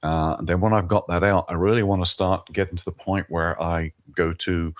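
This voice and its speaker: A man's voice: sits low, steady tone, moderate pace, no room sound, clean studio sound. An older man talking as a podcast guest, earnest and enthusiastic, often repeating a word as he starts a thought. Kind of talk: conversational interview.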